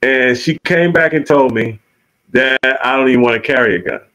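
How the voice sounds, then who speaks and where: A man's voice: medium pitch, fairly quick, fairly bright tone, poor audio. A man with a Southern US accent co-hosting a podcast, telling a story in an easygoing, affirming way. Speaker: podcast co-host. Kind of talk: casual podcast chat.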